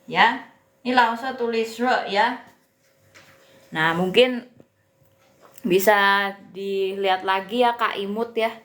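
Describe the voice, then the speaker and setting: A woman teaches Mandarin in an unhurried, chatty way, repeating each sound for her viewers. Her voice sits in a middle register and carries an echo from the room around her. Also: mid-range voice, a bit bright. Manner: chatty, repeats pronunciations, addresses viewers often. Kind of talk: live online language lesson.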